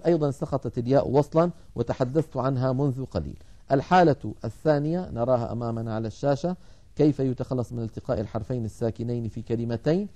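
A middle-aged man teaches a lesson on Arabic recitation rules with a warm, mellow tone. He explains step by step and stretches out each quoted verse in a slow chant. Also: mid-range voice. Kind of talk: televised lesson.

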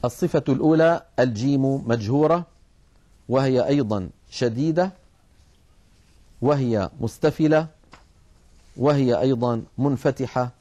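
Mellow-voiced man teaching letter sounds. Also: mid-range voice, normal speed, long pauses, lo-fi sound. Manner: methodical, demonstrates letter sounds aloud. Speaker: Quran recitation teacher. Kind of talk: recorded lesson with slides.

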